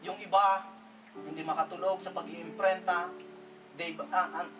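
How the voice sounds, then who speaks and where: A man preaching a sermon from a stage, telling a story dramatically, rising to loud exclamations and dropping to hushed lines. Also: high voice, flat delivery, moderate pace, recorded from a distance, faint music behind, low-quality recording. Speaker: pastor. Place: stage before an audience.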